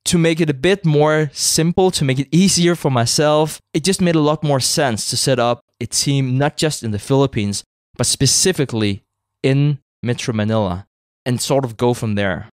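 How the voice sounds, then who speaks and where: Recorded dry in a clean studio, a medium-pitched man from Denmark talks at a moderate pace as a guest in a podcast interview. English is his second language, he has a Danish accent, and his conversational speech is full of fillers and repeated words.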